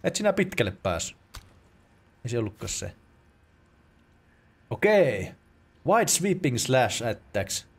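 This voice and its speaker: A man from Finland giving casual let's play commentary, excitable and swearing, with yelps and laughs at the game. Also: mid-range voice, vocal fry, pauses often, husky.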